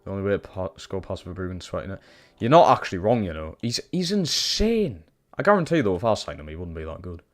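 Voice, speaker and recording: Talking fast and very animated in a low voice, this Newcastle streamer with a Geordie accent reacts to each pass in his football career mode game. He swears a lot and sounds frustrated, with faint music behind him.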